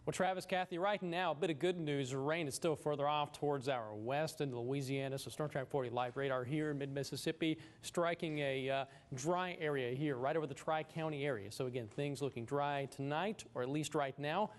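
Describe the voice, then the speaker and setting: A man's voice: fairly high pitch, fairly even intonation, fairly quick, few pauses. A man presenting the weather forecast, explaining the radar as he goes. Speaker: meteorologist.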